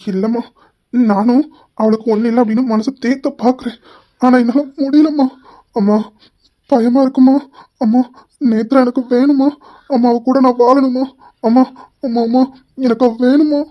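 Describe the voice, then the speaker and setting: A woman's voice: a little high, steady tone, moderate pace, pauses often, dull audio, natural voice. A woman voicing a young husband who pleads through tears in an audio drama. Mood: tearful pleading. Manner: sobbing, pleading. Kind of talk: amateur audio drama acting.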